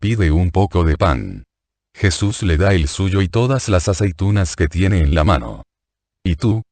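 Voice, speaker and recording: A man narrating religious prose as an audiobook in a measured, solemn way, recorded on a close mic. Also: low-pitched, very animated, darkish tone, no echo.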